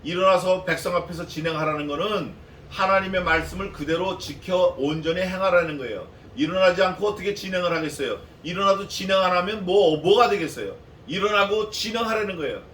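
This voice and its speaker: A man's voice: fairly high pitch, a little fast, fairly bright tone. A male pastor preaching an expository sermon in a church, asking his congregation rhetorical questions in a conversational way. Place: church sanctuary. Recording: echoey hall from a distance, faint noise.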